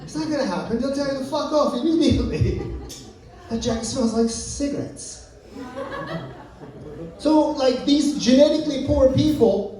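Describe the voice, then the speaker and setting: A man's voice: very high voice, warm tone. A man from Turkey, performing a brash, profane stand-up set in a lounge. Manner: brash, profane, punchy delivery. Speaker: stand-up comedian. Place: lounge stage. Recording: echoey room from a distant mic.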